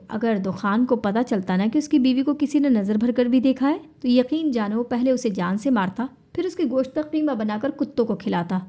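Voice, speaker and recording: A woman's voice: a little high, mellow, natural voice. A woman voicing a possessive young husband in an audiobook, swinging between teasing and pleading.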